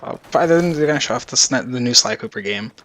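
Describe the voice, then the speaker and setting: A man's voice: medium pitch, expressive, quick pace, a bit bright, slight background noise. A man rambling casually through his video game predictions in a vlog. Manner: rambling, loose and chatty. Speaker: gaming YouTuber.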